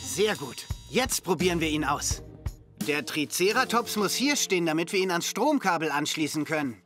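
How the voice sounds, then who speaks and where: A man playing a confident, cheerful builder foreman in a children's cartoon, giving clear instructions. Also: fairly high pitch, expressive, moderate pace, natural voice. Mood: upbeat. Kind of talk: animated children's series dialogue. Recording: loud music behind the voice.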